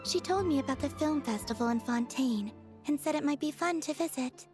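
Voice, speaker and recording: Actress as a high-voiced, naive young woman. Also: fairly quick, close to an everyday voice. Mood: polite, earnest. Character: gentle naive young woman, earnest and oddly literal. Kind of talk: video game character dialogue. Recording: background music under the dialogue.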